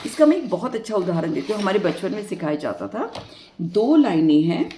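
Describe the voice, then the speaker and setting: A woman's voice: medium pitch, big pitch swings, fairly quick, mellow, slight background noise. A woman math teacher, explaining a lesson step by step and asking her students questions.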